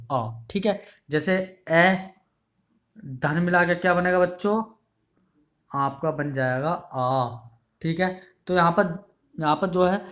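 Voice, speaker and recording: A man's voice: on the high side, a bit bright. Man teaching a patient online lesson. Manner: explains patiently, repeats key terms and asks the class questions; ends phrases with "ठीक है" checks. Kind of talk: online exam-prep lesson.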